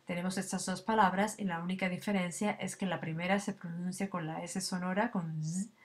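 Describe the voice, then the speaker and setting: A woman with a somewhat low voice lectures as a language teacher. She explains things patiently, step by step. She checks in with a tag question now and then and corrects her own slips as she goes. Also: level tone, fairly quick. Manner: fillers and small self-corrections. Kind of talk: recorded lecture.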